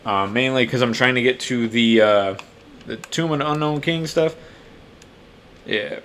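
A man's voice: medium pitch, unhurried, a bit bright, slight background noise. Casual swearing let's-play guy. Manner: swears often, loose and chatty. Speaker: gaming video host.

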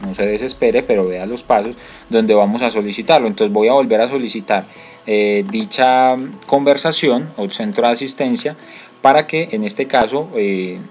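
A man's voice: on the low side, normal speed, darkish tone, faint music behind. A man with a Colombian Spanish accent explaining a screen-recorded tutorial step by step, with many fillers and restarts. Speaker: tutorial host.

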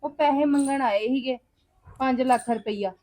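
A woman's voice: high-pitched, moderate pace, warm tone. A woman acting a defensive wife in a family drama. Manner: defensive, explaining.

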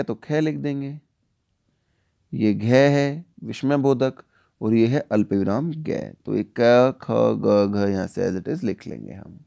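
A man teaching a class of children, walking them through the exercise step by step. His voice is dark and gravelly, and he often stops to ask the kids questions. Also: medium pitch. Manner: explains slowly, often asks the class questions. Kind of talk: online worksheet lesson for children.

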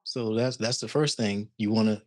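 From his living room, a man in his forties coaches a guest over a video call, direct and pushing and repeating words. His voice is lowish, steady and a little mellow at normal speed, picked up by an arm-mounted studio mic with no echo.

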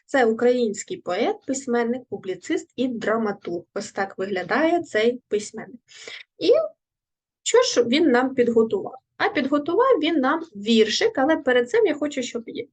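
A woman teaching a recorded lesson to young children, speaking clearly and patiently, asking questions and praising her pupils. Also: a little high. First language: Ukrainian. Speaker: primary school teacher.

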